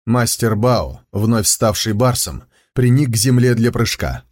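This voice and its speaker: Steady male audiobook narrator. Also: mid-range voice, unhurried. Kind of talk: scripted narration.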